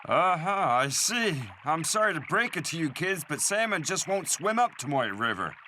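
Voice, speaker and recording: A man's voice: a little high, very animated, normal speed, very noisy. An actor playing a friendly, kindly man talking to children in an overacted anime dub. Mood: regretful.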